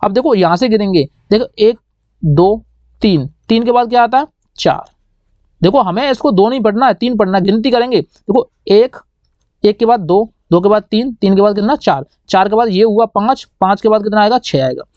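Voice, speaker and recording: A man's voice: high-pitched, expressive, fairly quick, darkish tone, no room sound. A man teaching an online maths lesson to children, coaxing them along and quizzing them on what number comes next. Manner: coaxing, keeps asking kids "what comes next, beta?". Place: indoor teaching setup writing with a pen. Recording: dry, dull lo-fi sound.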